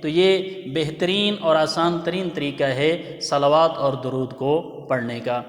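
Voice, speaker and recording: A man giving a religious pronunciation lesson, explaining patiently and chanting example phrases slowly. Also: a little high. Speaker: religious teacher. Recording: echoey hall with long reverb.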